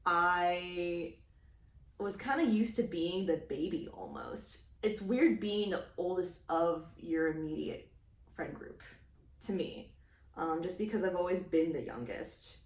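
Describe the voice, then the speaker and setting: A thirty-something crochet vlogger from Houston, Texas chats casually with a fairly low voice, rambling along with plenty of fillers and small laughs. She's recorded from a distance in a roomy space.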